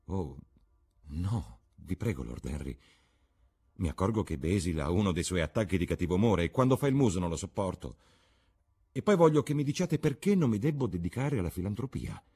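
A man's voice: deep voice, lively intonation, brisk, warm tone, breathy edge, full character voice. A man doing a petulant young dandy.

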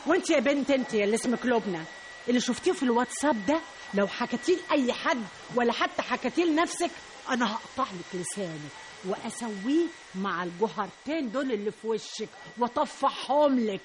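A woman plays a loud, threatening butcher woman with an Egyptian accent, in a high voice at a rapid clip. She sounds coarse and bullying, like she is ready to fight. The old radio recording has a steady hiss behind it. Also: lightly acted. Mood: menacing. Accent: Egyptian Arabic. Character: brash menacing woman butcher, rich and threatening. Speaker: butcher-shop owner customer. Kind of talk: radio drama acting. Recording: noisy old radio broadcast.

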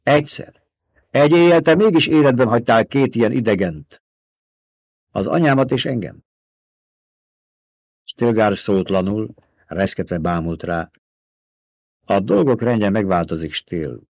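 A man reading the part of a stern, commanding young desert leader with a sharp, forceful way of questioning. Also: fairly low pitch, long pauses, no room sound. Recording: dull, dry recording.

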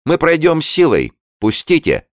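A man puts on a tall young woman, shrieking defiance at the guards in a story read aloud. Her voice leaps far above his deep speaking tone yet keeps its gravelly grain. The recording is dry and close. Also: wildly swooping pitch, a little slow, dry recording, heavily acted. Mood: furious, shouting. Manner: shouted, sobbing cries.

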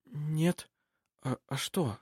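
A hesitant, worried young traveler in an audiobook, voiced by the narrator. The delivery is lively in pitch and recorded dry. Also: male voice, normal speed, slightly rough, dry recording. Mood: uneasy. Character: uneasy young male traveler, a nephew.

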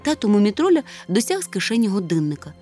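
A woman narrating a children's storybook in a lively, expressive way. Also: mid-range voice, quick pace. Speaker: audiobook narrator. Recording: soft music under the reading.

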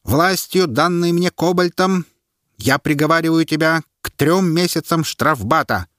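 Man doing a theatrical herald, loud and drawn-out. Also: fairly high pitch, no echo, clean studio sound, voice pushed up. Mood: proclaiming. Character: commanding male herald, showman running a public trial.

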